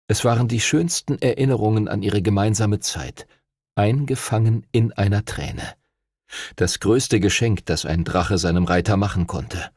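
A man narrating an audiobook in a calm, measured storytelling manner. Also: on the low side, no room sound, studio quality. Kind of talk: scripted narration.

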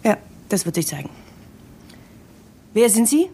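A woman's voice: mid-range voice, sing-song, a little slow, warm tone, a little hiss or hum. An actress playing a suspicious, insistent young woman in a radio play who keeps asking questions, with music behind.

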